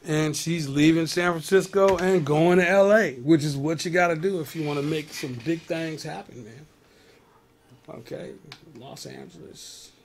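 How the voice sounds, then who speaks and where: A man's voice: fairly high pitch, moderate pace, a little hiss or hum. A comedian hosting a live web show, riffing on news stories and talking straight to his viewers in a casual, exasperated way.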